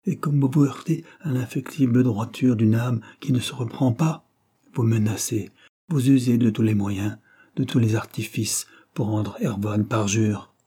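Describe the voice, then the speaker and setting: A man's voice: medium pitch, steady tone, unhurried, mellow, slightly rough. A man reading aloud, voicing a proud, heartbroken young orphan woman with bitter, tearful reproach.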